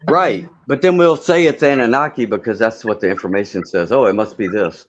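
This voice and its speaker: A man's voice: on the low side, fairly quick, slight background noise. A man in his fifties hosting a casual open-panel chat, blunt, profane and rambling. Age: 50s. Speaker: host of an open panel stream. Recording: muffled lo-fi audio.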